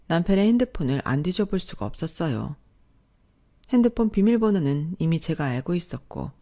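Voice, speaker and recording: In a low, warm voice, a woman tells a scripted first-person story of family drama, sounding indignant and confiding.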